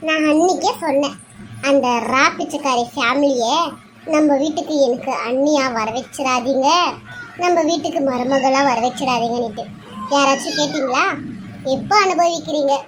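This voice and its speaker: A woman plays a spoiled young sister in a cartoon serial who gossips and sulks about family. Her voice is shrill and very high, over faint background noise. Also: moderate pace, lightly acted. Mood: catty. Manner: catty, sulky.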